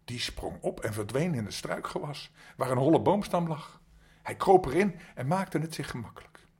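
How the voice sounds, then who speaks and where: Older man, husky, bedtime storyteller. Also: fairly high pitch, lively intonation, normal speed, a little mellow. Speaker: grandfather storyteller.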